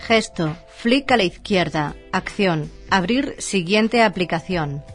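A woman's voice: on the low side, expressive, takes it slowly, soft background music. A woman narrating a scripted instruction manual formally, reading it out in short labelled items.

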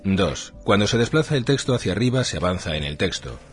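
Low-pitched man reading instructions, animated intonation. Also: brisk, soft background music. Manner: formal, reading out in short labelled items. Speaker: narrator of an instruction manual. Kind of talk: scripted instructional narration.

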